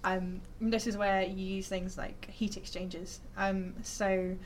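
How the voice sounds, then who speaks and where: A woman's voice: mid-range voice, little pitch movement, a little slow, slight background noise. A woman, a scientist, explaining physics informally to listeners, chatty and enthusiastic, with lots of fillers and restarts. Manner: chatty and enthusiastic, full of fillers and self-corrections.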